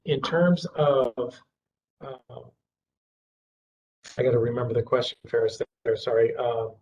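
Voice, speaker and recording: A man's voice: mid-range voice, measured pace, a little mellow. A man answering questions for a city department in a hesitant, apologetic way. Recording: dull audio, slightly distant mic, faint background hum.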